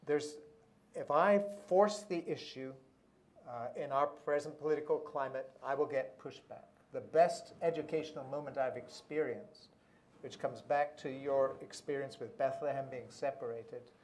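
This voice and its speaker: A man born in Malaysia and serving as a pastor, speaking at a panel in a reflective, measured way with frequent restarts. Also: mid-range voice, a little mellow. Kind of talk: panel discussion remarks.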